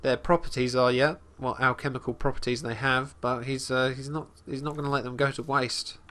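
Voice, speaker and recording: A let's play host casually comments on his gameplay, referring to his character in third person and stopping to restart, with fillers along the way. His voice is medium-pitched, pushed and bright, with fairly even intonation.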